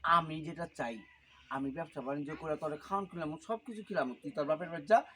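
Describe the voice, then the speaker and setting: A man's voice: a little high, a little fast, slight background noise. A man playing a greedy, bullying old husband. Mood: scolding. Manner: harsh, scolding, shouting. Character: older man, greedy bullying husband demanding dowry money. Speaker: actor. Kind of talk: amateur short film acting.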